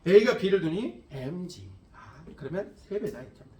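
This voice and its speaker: A man's voice: high-pitched, very animated, measured pace, darkish tone. A man teaching a physics class, blunt and coarse, scolding and constantly checking that his students follow. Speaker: physics teacher at a cram school. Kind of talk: classroom lecture. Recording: echoey classroom from far off.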